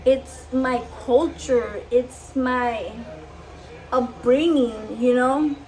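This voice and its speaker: Her voice sits high yet has a darkish tone, and she speaks very slowly and steadily. She's a native Spanish speaker with a Mexican accent, cooking at home and chatting profanely for a vlog while code-switching between English and Spanish, captured on a rough recording.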